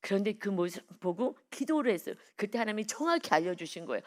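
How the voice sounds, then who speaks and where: A woman's voice: medium pitch, sing-song, fast. A woman pastor giving an early-morning devotional sermon in a conversational way, telling personal stories and putting questions to the congregation.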